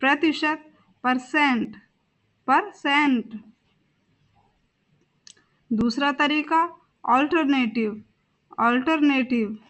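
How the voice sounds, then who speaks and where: Young woman teacher going thru vocab words, high voice, slow, says each one twice. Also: fairly bright tone. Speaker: English teacher. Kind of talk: vocabulary lesson.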